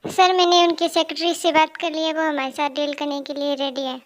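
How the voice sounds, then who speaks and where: An eager young male assistant, quick to reassure his boss and quick to tease a coworker, played by a woman in a fan audio drama. The voice is pitched very high. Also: level tone, close to an everyday voice. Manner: eager and hurried, teasing.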